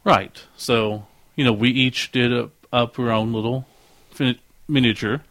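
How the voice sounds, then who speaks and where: A man's voice: medium pitch, fairly even intonation, measured pace, a bit bright, dry recording. A man co-hosting a podcast, chatting casually and laughing often, restarting his sentences. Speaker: podcast co-host. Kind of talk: casual chat.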